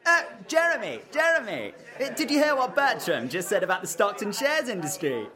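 A plummy businessman, as a man puts him on, rattling on and chortling, his voice high and bouncing. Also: wildly swooping pitch, a little fast, crowd noise. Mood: amused. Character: posh upper-class businessman gossiping.

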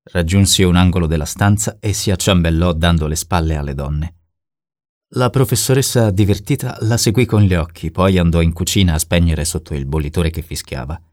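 A man reading a novel aloud as narrator in a steady, measured way. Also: low voice, no echo, clean studio sound. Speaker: audiobook narrator. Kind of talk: scripted narration.

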